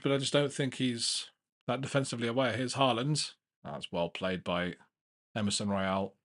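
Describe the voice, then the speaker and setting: A young man hosting a live football watchalong, giving casual play-by-play with frequent restarts and getting excited at big chances. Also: fairly low pitch. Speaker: watchalong host.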